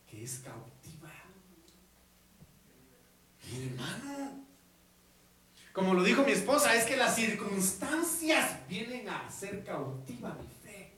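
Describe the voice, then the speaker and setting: A male pastor preaching an evangelical sermon, swinging from soft asides to loud, fervent exclamations. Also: sits high, far from the mic. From Guatemala. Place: church hall. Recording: echoey church hall.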